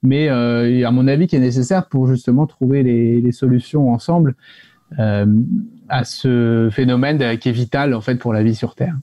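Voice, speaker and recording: A man's voice: mid-range voice, normal speed, mellow, dry recording. A man giving an unscripted, argumentative panel answer, explaining and making short, firm assertions. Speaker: panelist, activist against planned obsolescence.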